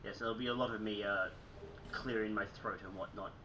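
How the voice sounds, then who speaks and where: This young man's voice is on the low side and steady, a little fast, bright and forceful, on a muffled recording with a little hiss or hum. He hosts a gaming channel, chatting casually over gameplay from a small room at home, and sounds slightly phlegmy and sick. He is chatty and self-mocking, with frequent throat clearing.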